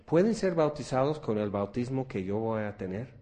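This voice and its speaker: A man voicing a calm, gentle male teacher addressing his followers. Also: normal speed, natural voice. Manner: calm, low and soft.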